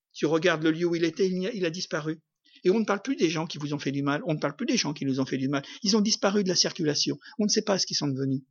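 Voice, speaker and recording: A man's voice: sits high, a bit bright. A man preaching an informal sermon, talking in a conversational way with frequent tag questions and sudden emphatic bursts. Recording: muffled lo-fi recording.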